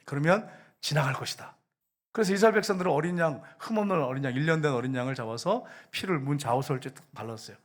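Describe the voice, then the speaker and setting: High-voiced Korean pastor preaching. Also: male voice, fast. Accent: Korean, Gyeongsang. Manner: addresses congregation directly, asks and answers questions. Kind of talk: sermon.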